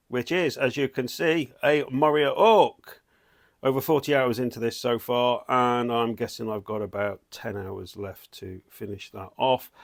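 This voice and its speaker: Excited man with a gravelly voice. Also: mid-range voice. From United Kingdom. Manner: enthusiastic, rambling, with many restarts. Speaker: statue collector vlogger. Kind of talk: excited casual vlog chat. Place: at home, walking between rooms.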